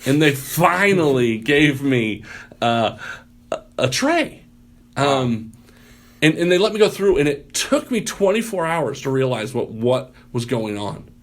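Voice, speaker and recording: A pastor tells stories on a casual podcast, speaking at medium pitch and a measured pace. He's an animated storyteller with a loud voice who acts out what people said.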